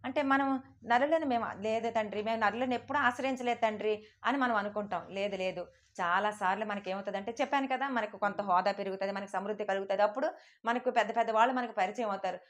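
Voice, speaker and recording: Fast-talking woman preaching fervently. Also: medium pitch. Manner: fervent, rapid preaching that acts out God's voice and believers' pleas. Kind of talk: sermon.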